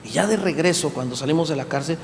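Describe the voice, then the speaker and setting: A man, a pastor preaching a sermon with emphasis, dropping to a hushed tone for stories. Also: fast. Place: church. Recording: echoey hall, faint rumble.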